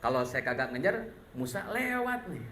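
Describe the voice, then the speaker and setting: A man's voice: mid-range voice, very animated, normal speed, pushed and bright, roomy sound, slight background noise. A man voicing a hesitant Pharaoh who mutters to himself while weighing whether to give chase. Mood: fretful. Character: hesitant scheming Pharaoh, an old king weighing his odds.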